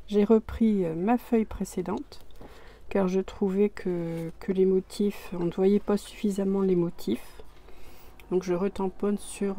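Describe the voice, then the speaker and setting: A woman explaining a craft project step by step while she works, hesitant, with many pauses and restarts. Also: medium pitch, mellow, slight background noise. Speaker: crafting tutorial presenter.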